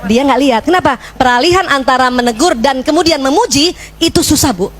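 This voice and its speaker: A middle-aged woman giving a lively parenting talk to an audience of mothers, often checking in with them by asking questions. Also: high voice, a little fast. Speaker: parenting speaker.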